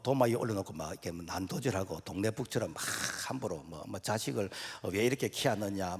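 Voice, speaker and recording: A male pastor preaching a sermon in a church, telling folksy stories with acted-out dialogue and sudden shouts. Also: fairly low pitch, husky. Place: church sanctuary. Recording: long hall reverb.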